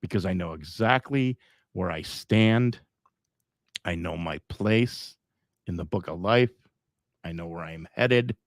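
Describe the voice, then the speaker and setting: A man's voice: sits low, takes it slowly, long pauses, no echo, clean studio sound. A middle-aged man hosting a live podcast, talking in a rambling, emphatic way with frequent chuckles. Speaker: podcast host.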